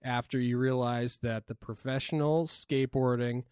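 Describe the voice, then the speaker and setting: A man's voice: medium pitch, fairly even intonation, normal speed, darkish tone, smooth, no echo, clean studio sound. A man co-hosting a casual podcast, rambling and hesitant with lots of fillers. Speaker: podcast co-host.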